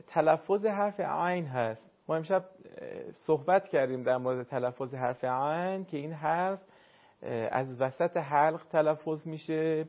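Recitation teacher guy, slightly high voice, polite, explains and drags out words to show them, muffled audio. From northern Iran. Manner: courteous, explanatory, demonstrates words slowly. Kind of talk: call-in recitation lesson.

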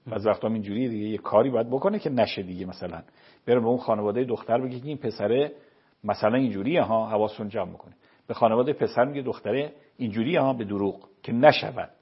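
Husky-voiced man explaining religious rulings. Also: on the low side, dull audio. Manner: measured, explanatory, quotes scripture. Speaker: cleric answering religious questions.

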